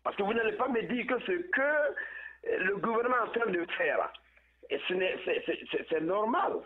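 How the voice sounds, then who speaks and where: A man calling in over a poor phone connection, giving political commentary in a halting way and repeating words as he searches for them. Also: sits high, animated. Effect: tinny phone line with poor connection. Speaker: phone-in caller. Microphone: telephone. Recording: tinny phone line.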